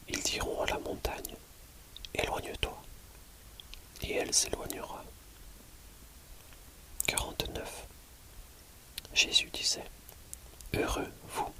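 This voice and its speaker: A reader giving a whispered ASMR audiobook reading of scripture in a hushed library whisper, measured, pausing between short phrases. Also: low-quality recording.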